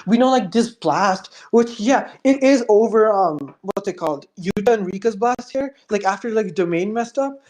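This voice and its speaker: A man's voice: high-pitched, expressive, normal speed, hardly any pauses, darkish tone. A man moderating a heated online debate who talks over others and keeps repeating himself.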